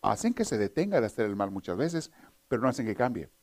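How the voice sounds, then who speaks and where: A man's voice: medium pitch, very animated, fast talker, darkish tone. Earnest preacher man. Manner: earnest, teaching, addresses listeners directly. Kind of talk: sermon.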